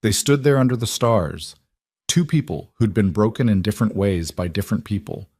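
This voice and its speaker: A man narrating a romance story in a calm, measured scripted storytelling voice. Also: lowish voice, slightly rough, no echo, studio quality.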